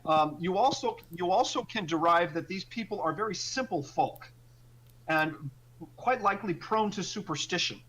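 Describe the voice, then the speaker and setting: Guy game mastering a tabletop rpg, highish sharp voice, kinda halting explanations. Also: rough recording. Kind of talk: narrating a tabletop role-playing game.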